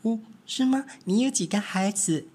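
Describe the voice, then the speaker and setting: A man's voice: high voice, lively intonation, moderate pace, a little mellow, slightly rough, voice pushed up. A man voicing three small, eager little mice in a children's storybook reading, with chirpy, cheerful questions.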